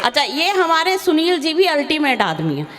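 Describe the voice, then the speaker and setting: A woman's voice: high-pitched, sing-song, normal speed, a bit bright. A young woman poet telling chatty comic stories to a live audience at a poetry recital. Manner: chatty storytelling, breaks into sung verse. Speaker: stage poet. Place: large hall with live audience. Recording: faint noise, long hall reverb.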